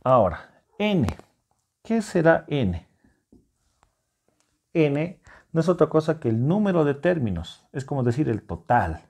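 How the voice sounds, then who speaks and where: Patient, mellow-voiced male math teacher. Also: fairly high pitch, big pitch swings, a little slow, long pauses. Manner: patient, explaining step by step with frequent check-in questions; encouraging, reassuring students. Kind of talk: recorded math lesson for secondary students. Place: classroom whiteboard.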